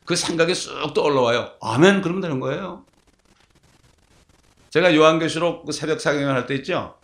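A man's voice: fairly high pitch, a little fast, fairly bright tone. A male pastor preaching a sermon, telling stories and asking the congregation rhetorical questions.

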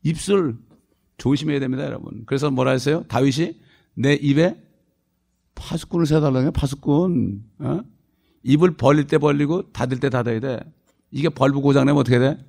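A middle-aged pastor delivers a sermon in an easy, talking-to-the-congregation manner. He keeps asking rhetorical questions and dropping asides. His mid-pitched man's voice carries a gravelly rasp. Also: brisk, a little mellow. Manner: conversational preaching, many rhetorical questions and asides.

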